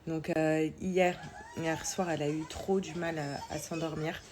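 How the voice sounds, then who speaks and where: A young woman with a low voice, stuffed up and nasal from a sore, swollen-sounding throat. She chats informally to her followers, hesitating as she goes, like a mother sharing her day. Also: fairly even intonation, measured pace, music in the background. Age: young adult. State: coming down with a cold, sore throat. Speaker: mother vlogging about family life. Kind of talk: casual chat to followers.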